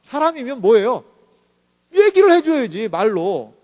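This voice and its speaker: A man's voice: extremely high pitch, very animated, a little slow, darkish tone, big-room sound. A male pastor preaching a sermon in a chatty way, often asking the congregation questions.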